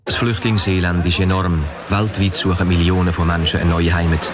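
A man's voice: low-pitched, flat delivery, fairly quick, noisy background. A man narrating an old newsreel clip in a formal, announcing manner. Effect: old newsreel clip played back. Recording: old newsreel soundtrack with music underneath.

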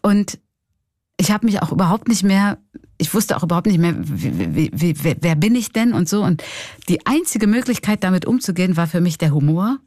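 A woman's voice: on the low side, very animated, a little fast, a little mellow, no echo, clean studio sound. A middle-aged woman with a Swiss German accent, a clown and comedian, talking candidly and reflectively in an interview. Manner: reflective, candid, laughs often.

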